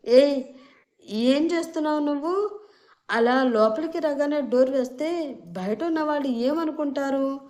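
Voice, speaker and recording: A woman's voice: fairly high pitch, unhurried, mellow, pitched above the performer's own voice, lightly acted. A woman voicing a flustered young husband who talks in panicky, whiny exclamations.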